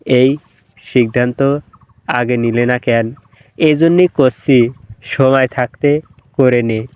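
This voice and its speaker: A man's voice: medium pitch, fairly even intonation, slow, darkish tone, smooth, no room sound, close to an everyday voice. A man voicing a pushy middle-aged village matchmaker woman who lectures insistently.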